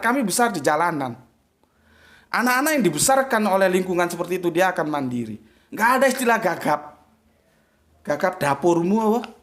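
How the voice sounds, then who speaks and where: A man talks bluntly in an informal religious talk, his pitch leaping up and dropping low. His manner is combative and plain-spoken, and his delivery is lively. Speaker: preacher and debater.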